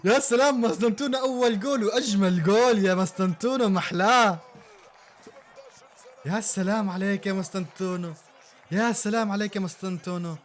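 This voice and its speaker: A young man with a notably high voice reacts live to a football match. He is excitable and breaks into loud shouts and laughter whenever a big play happens. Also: quick pace, faint music behind.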